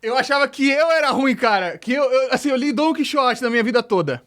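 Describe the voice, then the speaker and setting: A young man with a strikingly high voice and a Brazilian accent, chatting casually on a live stream. He throws in quick, cheeky, foul-mouthed quips while he reacts to a video. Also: expressive, fairly bright tone. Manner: joking, profane interjections.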